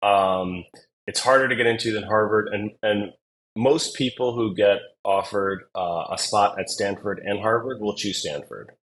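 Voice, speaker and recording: Animated, low-voiced male consultant. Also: moderate pace, a little hiss or hum. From Singapore. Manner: animated storyteller with many fillers and restarts. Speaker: admissions consultant, guest. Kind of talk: casual interview storytelling.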